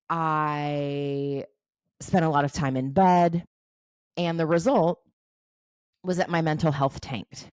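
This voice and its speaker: A woman's voice: low voice, no echo, studio quality. A woman in her forties, a coach giving a frank, casual talk about habits, swearing now and then and laughing easily. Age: 40s.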